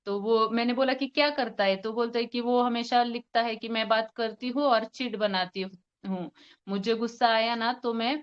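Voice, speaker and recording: Smooth higher-voiced woman recounting a case. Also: fairly even intonation, moderate pace, dull audio. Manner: retells a patient consultation, quoting both sides, with hesitant fillers. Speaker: homeopathic doctor. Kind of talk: case presentation to a forum.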